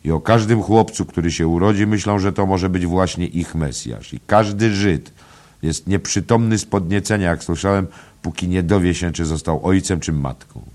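A man's voice: low-pitched, normal speed, a little mellow, voice pushed up, natural voice. A man voicing a mocking, joking barroom wag. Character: wisecracking male barfly.

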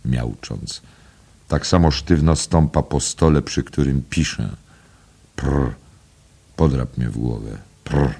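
Super deep guy reading a novel, slow and gravelly. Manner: calm, unhurried literary reading. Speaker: audiobook narrator. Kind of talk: scripted narration.

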